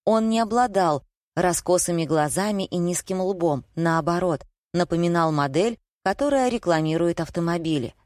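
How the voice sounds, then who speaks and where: A woman narrating a first-person story with a wry, ironic touch. Her voice sits somewhat low. The studio recording is dry and close. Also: animated, normal speed, darkish tone, no room sound. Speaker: audiobook narrator.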